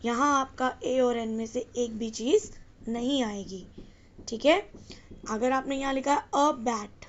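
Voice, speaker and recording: Woman grammar teacher, high voice, dull lo-fi recording, asks the class and answers herself. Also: measured pace, slight background noise. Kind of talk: exam-prep English grammar lesson.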